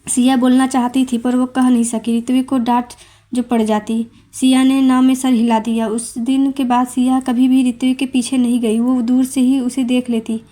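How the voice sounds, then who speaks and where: A woman reading a Hindi romance novel aloud as a storyteller, with plain, steady narration and small stumbles. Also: sits high, moderate pace.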